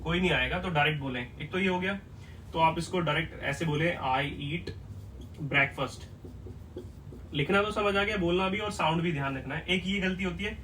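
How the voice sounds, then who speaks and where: A man teaching an English lesson at a whiteboard, explaining step by step and often checking whether it is clear. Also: high-pitched, quick pace, a bit bright, recorded from a distance, a little hiss or hum, low-quality recording.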